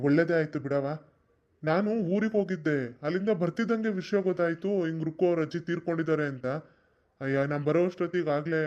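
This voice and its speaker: A kindly village man in a cartoon encourages like a big brother, his voice a little high, as a man plays him. The audio sounds slightly muffled. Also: close to an everyday voice. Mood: apologetic. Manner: warm-hearted, encouraging.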